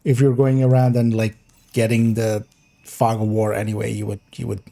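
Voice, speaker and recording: A man gives loose, rambling commentary while he plays a game. His voice is mellow and soft-edged, and he giggles and restarts his sentences often. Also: on the low side, monotone, moderate pace, gravelly. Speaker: game streamer. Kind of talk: casual gameplay commentary.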